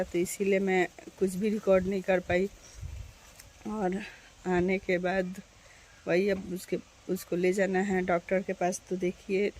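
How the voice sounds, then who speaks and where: Flat-voiced woman vlogging outdoors. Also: medium pitch. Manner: chatty, addresses viewers directly. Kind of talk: casual chat to camera. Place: outdoors in the shade at her doorway.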